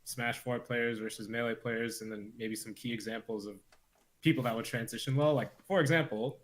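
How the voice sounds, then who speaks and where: A man in casual podcast chat about games. He circles around his point with lots of fillers and restarts. His voice sits at an ordinary middle pitch. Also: fairly even intonation, brisk, fairly bright tone. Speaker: podcast co-host.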